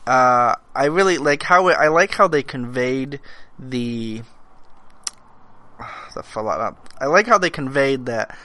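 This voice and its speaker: Man, bright tone, dry close sound, casual podcast chat, fumbling for words. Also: medium pitch, lively intonation, no room sound. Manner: halting, searches for words. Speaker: podcast co-host.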